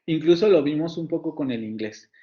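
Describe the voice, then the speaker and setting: A man's voice: fairly high pitch, lively intonation, fairly quick, mellow, highs cut off. Mexican man teaching phonetics. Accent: Mexican Spanish. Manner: explanatory, repeats and restarts words while demonstrating sounds. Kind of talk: online lecture.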